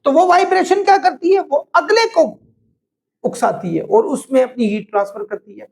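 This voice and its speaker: A man's voice: very high-pitched, normal speed, creaky, poor audio. A man with a Pakistani Urdu accent teaching a physics class, explaining step by step and speaking straight to his students, slipping into English phrases. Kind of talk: classroom lecture.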